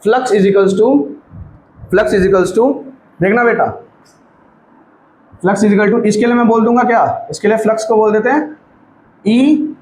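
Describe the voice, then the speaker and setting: A man's voice: high voice, fairly even intonation, slow pace, pauses often, darkish tone. A man teaching a physics lesson at a board, repeating points and checking that students follow, with light teasing asides. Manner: repetitive, coaxing, keeps checking students follow. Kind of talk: classroom lecture at a board. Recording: echoey room with faint background noise.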